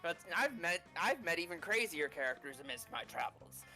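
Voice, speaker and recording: Brief: seasoned traveller yarning in a game tavern, played by a woman, deepened voice, measured. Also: big pitch swings, pushed and bright, soft background music, rough recording. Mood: reminiscing. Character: well-travelled tavern regular, knowing storyteller.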